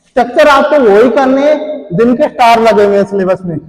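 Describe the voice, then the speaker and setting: A man's voice: extremely high pitch, lively intonation, fairly quick, long reverb tail, low-quality recording. A man teaching pharmacy in a lecture, repeatedly asking questions and answering them himself while drawing on a board. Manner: repetitive quizzing, asks then answers himself. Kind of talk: classroom lecture.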